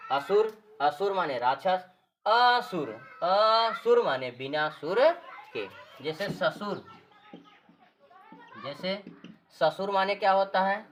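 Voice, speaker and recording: A woman's voice: lowish voice, slow, long pauses, a little hiss or hum. A woman teaching a grammar lesson, repeating key terms and answering her own questions. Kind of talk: classroom-style grammar lesson.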